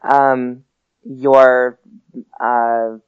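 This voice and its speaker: A man chats casually as a podcast co-host, trading sports banter at a slow pace. His middle-pitched voice comes through a somewhat dull, lo-fi recording. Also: little pitch movement, smooth.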